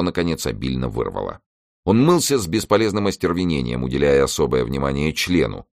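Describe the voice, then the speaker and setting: A man narrating an audiobook in a measured, expressive reading. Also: a bass voice, no room sound, clean studio sound. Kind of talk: scripted narration.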